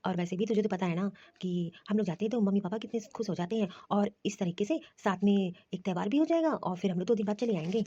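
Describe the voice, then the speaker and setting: Woman voicing a young cartoon husband, coaxing, rambling, husky, dull lo-fi sound. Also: mid-range voice, fast talker, hardly any pauses, warm tone, no room sound, close to an everyday voice. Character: young married husband, pleading and easygoing. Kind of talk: Hindi cartoon voice acting. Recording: dull lo-fi recording.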